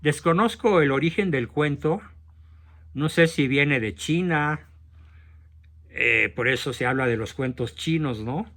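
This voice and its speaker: Host: Mexican man, frank storyteller, slightly high voice, slow and deliberate. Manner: frank, direct, forceful. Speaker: host of a talk session. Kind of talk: storytelling talk.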